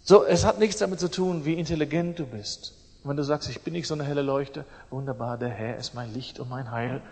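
A middle-aged man preaching a sermon, emphatic and repeating his phrases, swinging between loud outbursts and soft asides. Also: mid-range voice, fairly quick. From East Germany. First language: German. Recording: long hall reverb.

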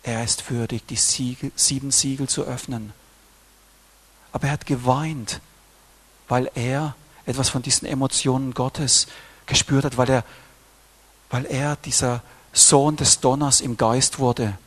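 Emphatic male preacher with a middling pitch. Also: steady tone, unhurried, fairly bright tone. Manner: emphatic, with frequent swells in volume and repeated words. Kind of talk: sermon on scripture.

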